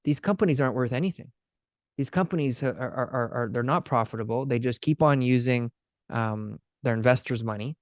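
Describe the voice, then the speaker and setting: A man co-hosting a podcast in casual chat, talking in an animated, emphatic way and repeating words when he gets excited. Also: mid-range voice, fairly quick, no room sound, studio quality. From Canada. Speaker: podcast co-host. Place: podcast studio.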